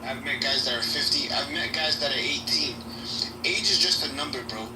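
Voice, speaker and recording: A man's voice: medium pitch, moderate pace. A man in his late twenties arguing defensively, calling everyone "brother". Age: 20s. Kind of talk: casual chat. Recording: echoey room, far from mic, noisy.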